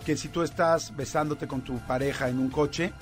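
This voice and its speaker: A man with a Mexican accent hosting a radio show, telling a story in a lively way with lots of fillers. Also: fairly high pitch, normal speed, soft background music. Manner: animated storytelling with many fillers. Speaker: radio host. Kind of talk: casual radio chat.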